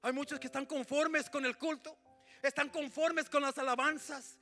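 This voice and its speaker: High, piercing preacher. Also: male voice, steady tone, moderate pace, faint music behind. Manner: swings between shouting and hushed asides, repeats "mi amado hermano". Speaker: pastor. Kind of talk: sermon. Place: church.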